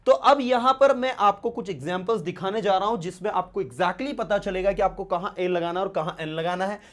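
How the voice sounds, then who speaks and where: A man's voice: high voice, brisk, fairly bright tone. A man teaching English grammar in a casual classroom style, explaining step by step and checking in with his students as he writes words on a board. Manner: explains step by step with frequent "है ना" and "right?" check-ins.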